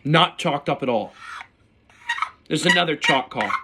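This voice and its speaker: His voice on the high side and expressive, a man speaks at a measured pace through a very noisy recording. He is a turkey hunter presenting his calls in a relaxed, hands-on gear demo, blunt and informal, using slang and a bit of mild swearing.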